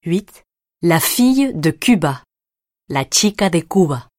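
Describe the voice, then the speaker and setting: A woman's voice: on the low side, big pitch swings, takes it slowly, a little mellow, no echo, clean studio sound. A woman reading example phrases on a recorded language lesson, carefully enunciating each one. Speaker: example reader.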